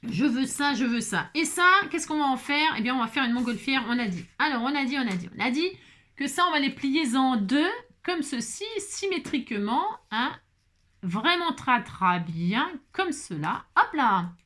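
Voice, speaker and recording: A woman's voice: sits high, animated, moderate pace, fairly bright tone. A woman hosting a papercraft tutorial in a casual, chatty way, joking and speaking straight to her viewers with constant little filler tags.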